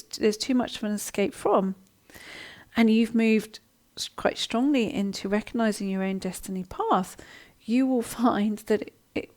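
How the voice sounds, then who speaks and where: A woman hosting a live online coaching session, talking casually with lots of ums and restarts as she reads and answers viewer comments. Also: medium pitch. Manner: chatty, warm-hearted, many ums and restarts.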